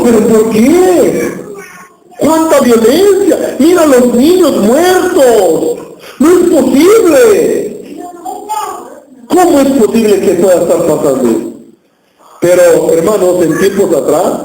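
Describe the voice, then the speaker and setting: A man's voice: high-pitched, mellow. A male pastor preaching a sermon to a church, often asking the congregation questions. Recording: echoey church hall.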